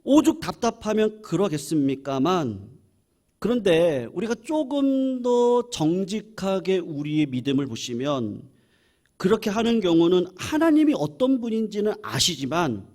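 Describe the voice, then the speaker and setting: High-voiced man preaching with sudden emphasis. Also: sing-song, unhurried. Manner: swings between soft asides and loud emphatic declarations. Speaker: pastor. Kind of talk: sermon. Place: church service.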